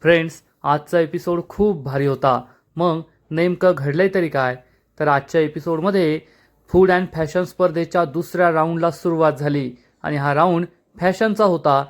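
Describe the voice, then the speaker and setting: A man with a high-pitched voice recapping a TV serial episode. He narrates dramatically and speaks to his viewers as friends. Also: normal speed. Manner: dramatic, addresses listeners as friends. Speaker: TV serial reviewer.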